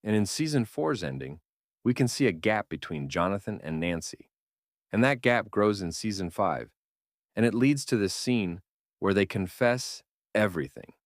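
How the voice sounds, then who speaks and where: A man narrates a scripted video essay in a fairly low voice. His pitch moves around in a lively way, and the recording is dry and close. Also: normal speed, no room sound.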